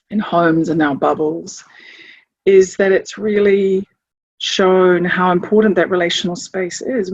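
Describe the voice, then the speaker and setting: A middle-aged woman from Samoa, a chief executive, speaking reflectively to camera and often pausing to search for words. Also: mid-range voice, husky, no echo, muffled recording. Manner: thoughtful, searching, with restarts. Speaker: chief executive of a leadership organisation.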